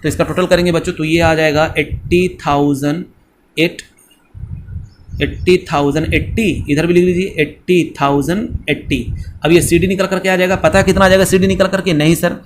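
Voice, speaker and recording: Male commerce teacher, bantering lecture style, higher voice, faint hum behind. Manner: playful, answers his own questions in the students' voice; scolds teasingly. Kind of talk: classroom lecture.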